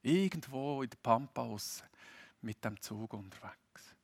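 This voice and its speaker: Casting: earnest Swiss German preacher, middle-aged man, mid-pitched, swells loud then hushes. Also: lively intonation, a little slow, vocal fry. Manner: earnest, appealing, rising to emphatic then dropping soft. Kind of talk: sermon.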